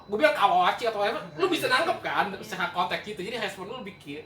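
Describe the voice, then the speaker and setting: Casual male chatter, Jakarta Indonesian accent, r pronounced as w, bright voice, English words mixed in, roomy echo. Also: high voice, big pitch swings, racing, soft background music. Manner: mixes English words into speech. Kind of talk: casual group chat. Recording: roomy echo, distant mic, faint noise.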